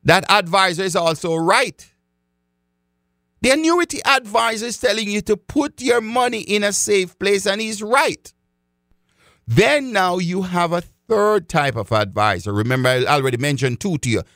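A man's voice: high-pitched, moderate pace, fairly bright tone, no room sound, studio quality. A man giving a direct talk to his audience as a financial educator, speaking emphatically, repeating key phrases and calling his listeners folks.

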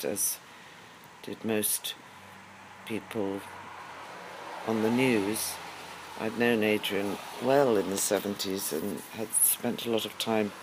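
Slow, musing older man. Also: on the low side, slight background noise, low-quality recording. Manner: musing, halting, with wry humour. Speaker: podcast host. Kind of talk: personal monologue.

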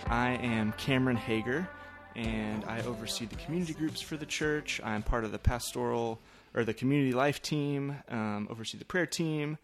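A man hosting a podcast in a casual, explanatory way, with halting, thoughtful phrasing. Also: mid-range voice, music in the background. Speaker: podcast host, church pastor.

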